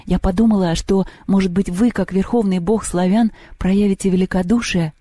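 An anxious, earnest young storybook girl begs and reasons with a god, as a man voices her. The voice is lifted higher, soft and dark in tone, and completely dry. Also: fairly even intonation, normal speed, no echo. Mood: pleading. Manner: pleading, anxious.

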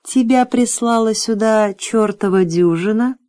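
A woman's voice: lowish voice, lively intonation, a little mellow, no room sound, studio quality. A woman voicing a scheming, cruel female dragon who hisses and drawls with false sweetness in an audiobook. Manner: hissing, sneering, slow and drawn out. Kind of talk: audiobook character voice.

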